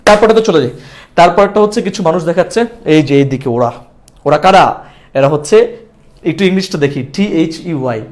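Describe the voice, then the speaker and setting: A man's voice: on the high side, animated, fast talker. A man teaching English pronunciation in a video lesson, asking and answering his own questions and drilling words by repetition. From Bangladesh. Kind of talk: lively video lesson in Bengali.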